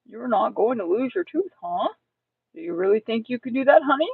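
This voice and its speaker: A woman voicing a mild old grandfather in a storybook, gentle, placating and a little skeptical. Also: lively intonation, a little fast, vocal fry, slightly rough, no room sound, full character voice. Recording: tinny, distant low-bandwidth recording.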